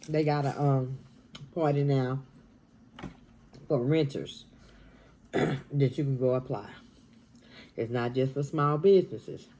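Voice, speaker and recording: A woman, chatting casually while eating on camera in her dining room, talking softly and half-whispering. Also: extremely low pitch, a little hiss or hum, poor audio. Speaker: mukbang vlogger.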